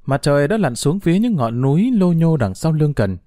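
Expressive male storyteller, dark warm voice. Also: fairly high pitch, a little fast, dry recording, clean studio sound. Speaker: narrator. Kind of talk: audiobook narration.

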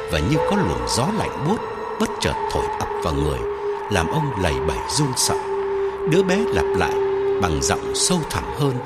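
A man narrating a ghost story in a dramatic, measured way. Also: mid-range voice. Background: music.

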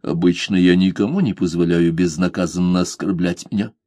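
A man's voice: low voice, fairly quick, no echo, studio quality. A man voicing a composed, courteous pirate captain who speaks with cool irony. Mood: ironic. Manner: calm, courteous, mocking. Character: calm, ironic pirate captain, male adult.

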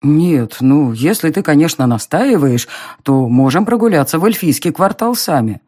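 A narrator playing a smug young nobleman who mocks and teases in an audiobook reading, with a slow, drawling, low delivery. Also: very animated, warm tone. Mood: mocking.

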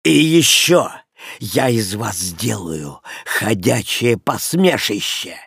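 Guy putting on a grand theatrical singer, slow and pompous, raised voice, dry sound. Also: on the low side, big pitch swings, gravelly, a bit bright, breathy edge, no room sound, full character voice. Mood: grandly indignant. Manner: declaiming, stressing each syllable.

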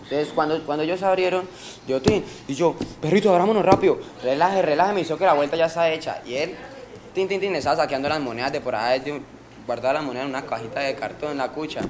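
In a noisy setting, a Colombian man in his early twenties is interviewed and tells a rambling street story packed with slang and sound effects. His voice is a little high and he talks fast.

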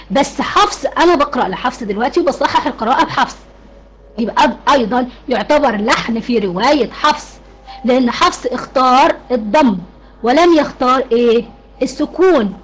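A woman's voice: high-pitched, poor audio. A woman with an Egyptian Arabic accent teaching an online Quran recitation class, asking her students questions and then answering them herself.

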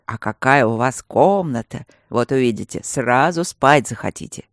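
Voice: mid-range voice, animated, normal speed, no room sound, studio quality, pitched below the performer's own voice, lightly acted. An audiobook reader voicing a cheerful, teasing, protective adult male baron. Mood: soothing.

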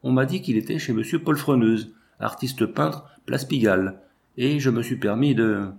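A man's voice: medium pitch, normal speed, vocal fry, darkish tone, natural voice. A man reading the part of a courteous, formal provincial notary in a storybook.

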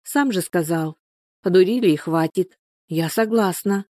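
A woman's voice: on the low side, unhurried, no room sound, clean studio sound, natural voice. Woman reading as a hot-tempered village mother. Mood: pleading. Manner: sharp, scolding.

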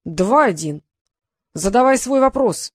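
A woman's voice: fairly high pitch, expressive, takes it slowly, slightly rough, no echo, clean studio sound, pitched above the performer's own voice, heavily acted. A woman voicing a boastful, pedantic male dragon who loves riddles, speaking in a raised, emphatic, pompous way.

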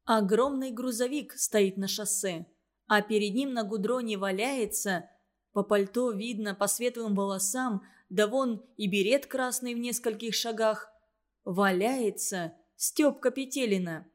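A woman's voice: mid-range voice, a little slow. Woman reading a children's story aloud. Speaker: narrator.

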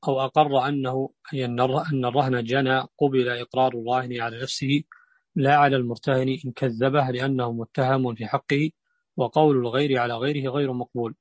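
A male student reads a classical legal text aloud in a measured, formal cadence. The recording is dry and close, with no room sound. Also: medium pitch, little pitch movement, no echo.

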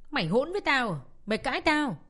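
A woman voicing a harsh, short-tempered middle-aged mother who shouts and scolds in a dramatic audiobook reading. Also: mid-range voice, fairly quick, close to an everyday voice. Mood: furious. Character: harsh angry middle-aged mother, quick to beat her child.

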